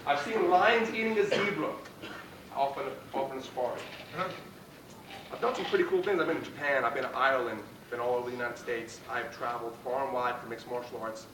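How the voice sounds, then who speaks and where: A man's voice: medium pitch, fairly quick. A man gives a pre-game pep speech as a guest motivator, emphatic and rallying, punching out short phrases. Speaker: guest motivational speaker, fight trainer. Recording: roomy, distant mic, clear background noise.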